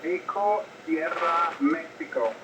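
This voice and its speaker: A man from northwestern Italy with an Italian accent, a ham radio operator talking haltingly with fillers, heard over a shortwave signal that keeps breaking up. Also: a little high. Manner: halting, with many fillers and polite thanks. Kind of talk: ham radio contact exchange. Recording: noisy echoey shortwave radio reception.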